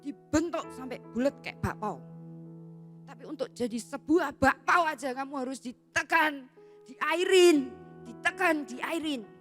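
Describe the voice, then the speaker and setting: A middle-aged woman preaches to a youth crowd in a high voice. She talks in a casual, colloquial way and slips into the voices of the people she quotes. Faint instrumental music plays under her. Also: measured pace, fairly bright tone. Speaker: youth pastor. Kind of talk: sermon.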